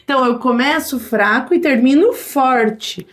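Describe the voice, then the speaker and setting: A woman teaches a Portuguese grammar lesson in a lively manner, speaking directly to viewers and pronouncing vowels and consonants aloud for them to repeat. Her voice is high-pitched and a little slow.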